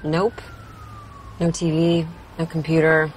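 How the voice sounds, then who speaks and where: An actress playing a determined, stubborn young former prosecutor in a naturalistic, earnest and conversational way. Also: female voice, deep voice, completely flat delivery, slow pace, slight background noise. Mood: playful, coaxing. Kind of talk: naturalistic TV drama acting.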